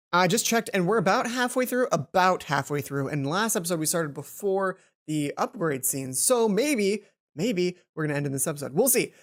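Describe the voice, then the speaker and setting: Reading out a visual novel and reacting to it, this let's play host uses a mid-range voice. The performance is dramatic and expressive, full of drawn-out emphasis, while music runs underneath.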